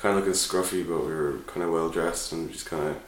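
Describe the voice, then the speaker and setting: A man's voice: deep voice, steady tone, fast. A man with an Irish accent from the midlands, answering casually as a musician being interviewed. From Longford, Irish midlands. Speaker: band founder being interviewed. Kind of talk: casual chat. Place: indoors on pub or venue premises. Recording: roomy echo, faint noise and clicks.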